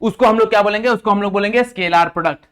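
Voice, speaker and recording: High, clear-voiced male physics tutor. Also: a bit bright. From India. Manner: repeats each point and quizzes listeners with check questions; slows sharply on English formula lines. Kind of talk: classroom lecture mixing Hindi and English.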